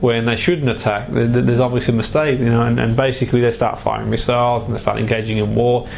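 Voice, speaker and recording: A man speaking as a hypnotherapist to a client, guiding and explaining in halting, deliberate phrases with pauses. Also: medium pitch, level tone, gravelly, a little mellow, a little hiss or hum, rough recording. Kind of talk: guided relaxation and explanation to a client.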